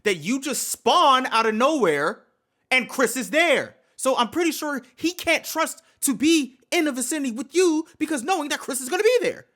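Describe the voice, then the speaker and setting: A man's voice: very high-pitched, lively intonation, moderate pace, sharp tone. A man hosting a reaction video, talking casually in a heated, rambling way, swearing often and restarting his sentences.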